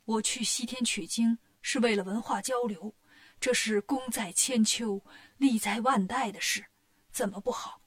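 A woman voicing a gentle, timid male monk in a storybook, speaking earnestly and a little fretfully. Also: on the high side, fairly even intonation, unhurried.

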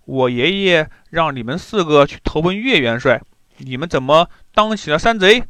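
A bold, high-voiced boy warrior who speaks with calm confidence and orders men about, as a man puts him on. The voice is lifted well above the storyteller's own and stays lively. It belongs to a storybook tale read aloud. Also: normal speed, no room sound. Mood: bold, confident. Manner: confident, commanding.

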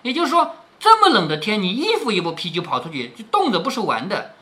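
A man's voice: sits high, wildly swooping pitch, fast, fairly bright tone. A middle-aged man reading a classic novel aloud to his daughter, stopping often to explain and asking rhetorical questions.

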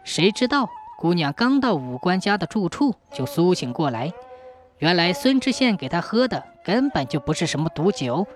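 A storyteller telling a folk tale in a lively, dramatic way. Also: medium pitch, normal speed, soft background music.

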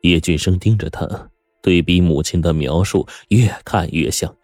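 Deep-voiced man telling a story. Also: normal speed, a little mellow, dry recording, studio quality, faint music behind. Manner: dramatic, swings into character voices. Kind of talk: scripted story narration.

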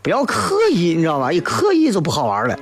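A man's voice: a little high, huge pitch swings, fast talker. A man with a Shaanxi accent from Xi'an hosts a casual radio chat, reading out and answering listener messages in a playful, teasing, colloquial way. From Xi'an, Shaanxi, China. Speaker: radio show host. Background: background music.

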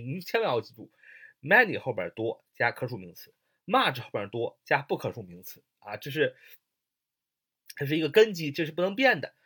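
Male English teacher, bright husky tone, lively delivery, spells out words and hesitates often. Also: mid-range voice. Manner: spells words letter by letter, many fillers. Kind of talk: explaining grammar lesson.

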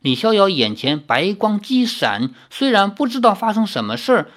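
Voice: medium pitch, big pitch swings, moderate pace, fairly bright tone. An audiobook narrator reading a novel dramatically, with casual asides.

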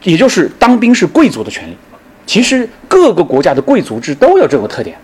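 A middle-aged man giving a public history lecture, telling the story in a lively way, acting out the people in it and asking the audience questions. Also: high-pitched, a little fast, husky.

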